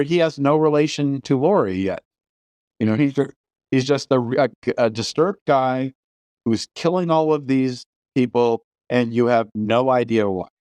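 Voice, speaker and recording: A man's voice: medium pitch, a little mellow, smooth, no room sound. A middle-aged man hosting a podcast, talking opinionatedly about films with many restarts. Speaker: podcast host. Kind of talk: casual film discussion.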